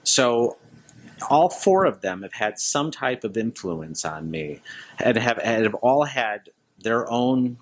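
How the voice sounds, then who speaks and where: A man's voice: mid-range voice, big pitch swings, slow, rough recording. A man answering interview questions as a guest, speaking informally in loosely strung thoughts. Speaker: interview guest, business leader.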